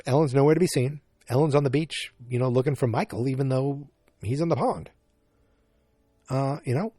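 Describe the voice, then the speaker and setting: In studio-quality audio with no room sound, a Massachusetts man with a Boston accent hosts a podcast on his own. His medium-pitched voice is mellow and slightly rough at a normal speed, and his rambling delivery is full of restarts, self-interruptions, and fillers.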